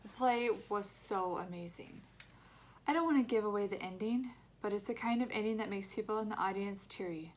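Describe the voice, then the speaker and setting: A woman teacher reading a chapter book aloud to her third-grade class, with expressive storytelling. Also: mid-range voice, fairly quick. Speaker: elementary school teacher. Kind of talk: reading a children's novel aloud.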